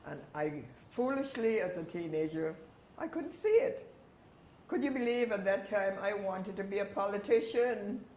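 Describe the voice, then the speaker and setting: A man who works as a teacher, reminiscing in a reflective, deliberate and emphatic way. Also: high-pitched, animated, a little mellow. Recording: roomy echo, faint background noise.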